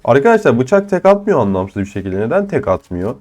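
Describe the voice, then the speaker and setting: Excitable young man commentating a shooter game. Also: medium pitch, brisk. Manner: excitable, swears and jokes at opponents. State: ill with a cold. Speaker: gaming channel host. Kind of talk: live gameplay commentary.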